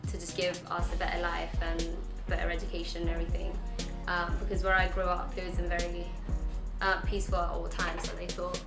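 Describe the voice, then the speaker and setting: A woman from Eritrea speaks calmly, in a low, flat tone. Loud music plays behind her. The room is echoey. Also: fairly quick. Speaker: interviewee. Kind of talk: documentary interview.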